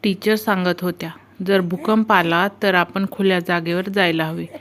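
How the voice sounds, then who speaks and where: Woman reading jokes in a flat voice. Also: lowish voice, moderate pace, slight background noise. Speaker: joke reader. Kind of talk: reading Marathi jokes aloud.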